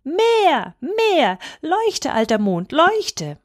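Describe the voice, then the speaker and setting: A woman voicing a cheeky, demanding little boy who shouts for more in a storybook reading. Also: sing-song, normal speed, dry recording, studio quality. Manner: shrill, shouting, insistent.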